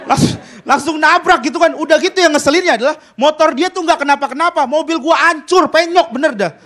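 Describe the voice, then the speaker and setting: A man performs stand-up comedy on a television studio stage. His voice is very high, and a faint audience can be heard behind him. He rants in a mock-indignant way. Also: fast talker, fairly bright tone, a faint crowd.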